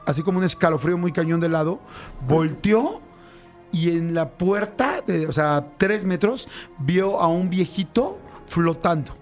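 A man with a Mexican Spanish accent, a radio host telling a story in a casual, animated way and acting out the sounds. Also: fairly high pitch, measured pace, soft background music. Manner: animated, acts out sounds and voices. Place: radio studio.

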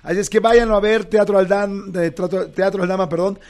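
A Mexican man hosts a casual radio interview, asking questions and plugging a show. His voice sits notably high for a man. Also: level tone, brisk, a little mellow. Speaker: radio host.

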